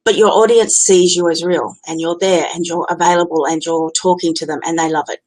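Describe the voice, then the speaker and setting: An Australian-accented woman hosts an unscripted live stream as a business coach, talking candidly, chattily, and bluntly. Her voice is on the low side, steady, slightly mellow, and fairly quick, and the recording quality is low.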